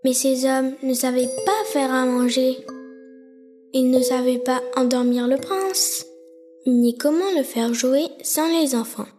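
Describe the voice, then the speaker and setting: A woman narrating a children's story with slow, careful reading. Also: high voice, fairly even intonation, dark tone. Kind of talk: storybook narration over music. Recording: music playing behind.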